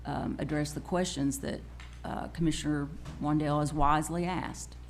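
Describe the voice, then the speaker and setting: A woman making a polite, careful formal request at a public meeting, pausing often as she goes. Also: sits low, fairly even intonation, slight background noise.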